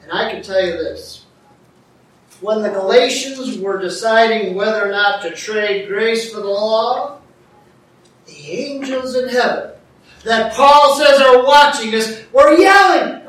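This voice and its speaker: A middle-aged man preaching a sermon as pastor, telling stories animatedly and shouting out quoted lines. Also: high-pitched, slow, slight background noise. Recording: roomy echo, distant mic, faint ambience.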